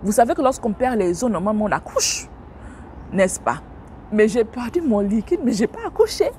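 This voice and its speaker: Woman telling an animated faith testimony. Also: normal speed, slight background noise. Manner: animated, acts out dialogue with shifting pitch; religious exclamations, addresses listeners directly. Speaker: believer sharing a testimony. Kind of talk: personal testimony storytelling.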